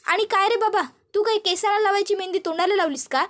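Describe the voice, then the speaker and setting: A woman's voice: very high-pitched, fairly even intonation, quick pace, a bit bright, pitched above the performer's own voice. Woman doing a teasing young friend.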